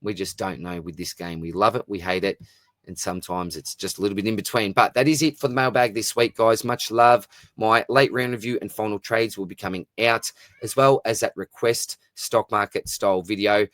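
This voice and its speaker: A man with a fairly low voice hosts a casual mailbag show on his own. His delivery is informal and matey, full of blokey slang as he reads questions and gives his take. The sound is dry, with very little room in it. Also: fairly even intonation, a little fast, fairly bright tone, no room sound. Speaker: host of a fantasy sport Q&A show. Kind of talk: casual solo mailbag commentary, reading out questions and answering.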